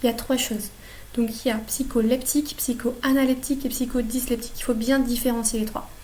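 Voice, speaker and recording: A woman's voice: fairly high pitch, flat delivery, fairly quick, a little mellow, a little hiss or hum. A young woman with a French accent correcting exam questions as a student tutor, explaining steadily with memory tricks. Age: young adult.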